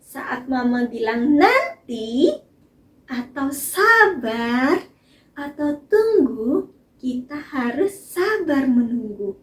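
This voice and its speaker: A woman telling a Bible story to toddlers in a gentle, sing-song way and asking them questions. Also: sits high, sing-song, extremely slow. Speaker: Sunday school teacher. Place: church room. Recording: echoey room, mic far off.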